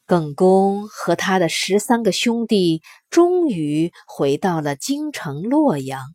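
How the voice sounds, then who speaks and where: Woman narrator, storybook reading, slow, lively pitch, breathy, dry close sound. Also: dry recording.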